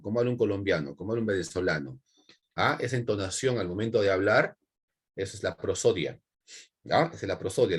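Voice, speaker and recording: A man's voice: lowish voice, slightly rough. A man with a Peruvian Spanish accent, giving an online psychology lecture, repeating points and checking in with "¿no?" and "¿ya?". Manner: repetitive, asks for checks with "¿no?" and "¿ya?". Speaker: psychology teacher.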